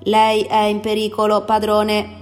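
A woman's voice: medium pitch, monotone, a little slow, voice pushed up, natural voice. A woman voicing a huge clumsy servile robot. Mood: insistent. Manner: dull, repetitive, obedient. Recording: long reverb, faint music behind.

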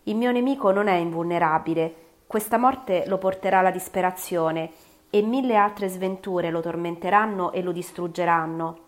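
A woman voicing a lonely, vengeful male creature in an audiobook, speaking in a grim, forceful way. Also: fairly low pitch, normal speed, natural voice. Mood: menacing.

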